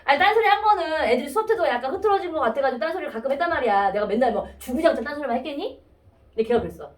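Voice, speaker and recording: A woman's voice: high voice, animated, racing. A woman teacher giving a chatty classroom lecture, often acting out students' voices. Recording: echoey classroom from a distance.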